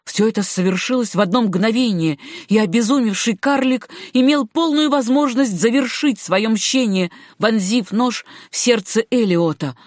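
Audiobook narrator: woman, measured and even, dry close recording. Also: fairly high pitch, no room sound.

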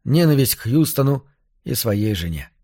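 A man narrating an audiobook in a measured, even way. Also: medium pitch, no room sound, clean studio sound.

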